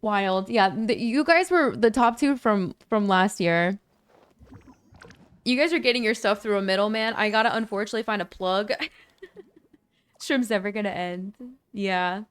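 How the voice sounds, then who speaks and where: This young woman streams games and talks casually to her audience, unhurried and smooth, pausing often, until she squeals with high excitement to thank donors. Her voice has grown a bit lower and worn from long talking, captured in a dry recording.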